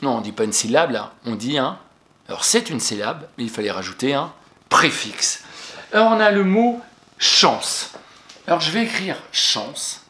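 In an echoey classroom, a male teacher patiently corrects a young pupil's exercises, speaking directly to them and spelling words letter by letter. His mid-range voice has big pitch swings and a sharp tone at a moderate pace.

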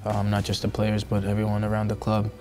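Twenties male athlete from Costa Rica, halting interview delivery, flat low tone, light music bed. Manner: hesitant, many fillers and restarts. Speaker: professional soccer player. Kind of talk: sit-down interview answers. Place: indoor studio backdrop.

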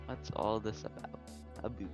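A man's voice: on the low side, fairly even intonation, normal speed, over music. A man chatting casually with a friend while gaming, in a teasing, argumentative way. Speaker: gamer.

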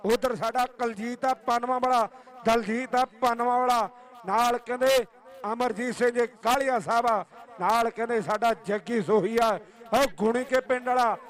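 A man's voice: very high voice, fairly even intonation, moderate pace, fairly bright tone. A man with a Punjabi accent giving live kabaddi commentary and tournament announcements, declaiming and often repeating his phrases.

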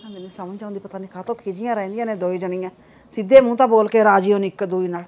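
A woman's voice: medium pitch, fairly even intonation, very fast, a little mellow, muffled recording, natural voice. An actress playing an older mother-in-law with a cough, scolding her daughters-in-law and pleading for peace. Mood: fretful. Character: older woman, fussing mother-in-law of two bickering daughters-in-law. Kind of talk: amateur village short-film acting.

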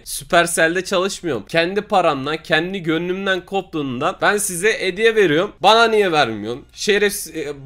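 A man hosting a gaming channel, chatting casually and excitably over his gameplay and quickly venting his frustration. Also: on the high side.

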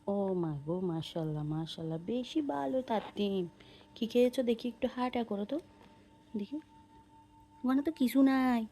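A woman's voice: fairly high pitch, moderate pace, soft background music. Young mother coaxing a toddler in sing-song. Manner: sing-song, gently scolding baby talk.

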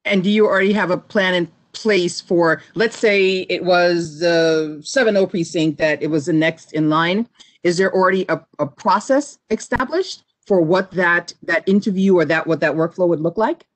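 A woman's voice: on the low side, normal speed. A woman from a community board asking polite, probing questions on a video call meeting.

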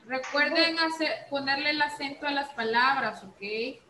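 A woman teaching an online class over a video call, patient and encouraging, repeating words slowly. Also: sits high, sharp tone. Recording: roomy video call with background hiss.

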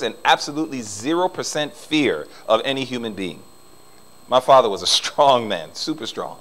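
A middle-aged man preaches from the pulpit with a voice that leaps up and down in pitch. He sits a little high for a man and swings between ringing emphasis and quiet, almost confiding asides. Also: rough recording. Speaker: pastor. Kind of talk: sermon. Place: church sanctuary.

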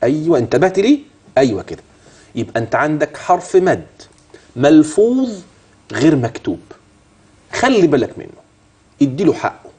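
A middle-aged man with an Egyptian Arabic accent teaching tajweed on a TV lesson, quizzing the viewer and modeling slow chanted recitation. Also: a little high, sing-song, a little mellow, breathy edge.

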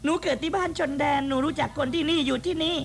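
A man's voice: very high voice, fast talker, creaky. A man voicing a frank, plaintive young daughter in a shadow-puppet play, pleading and questioning. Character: plaintive, outspoken nineteen-year-old daughter in shadow puppetry.

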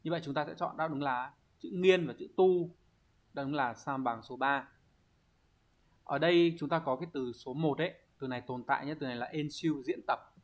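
A man's voice: fairly high pitch, normal speed. A man teaching a Japanese exam review lesson, patiently walking through each answer and often asking his students to confirm. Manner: patient, explanatory, frequent check-in questions.

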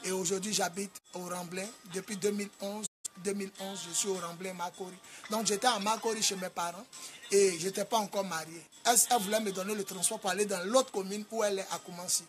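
A man with an Ivorian French accent preaching a sermon in a sing-song cadence, rising to loud shouted commands. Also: high-pitched, fairly even intonation, fast talker, music in the background. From Côte d'Ivoire. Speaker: apostle preacher.

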